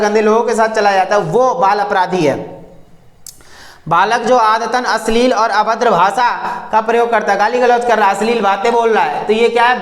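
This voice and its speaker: A man teaching a textbook lesson, reading passages aloud and then breaking them down in everyday words. He addresses his students firmly and tells them directly what to remember. The voice rings in an echoey room. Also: high voice. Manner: reads textbook lines, then restates them in plain words.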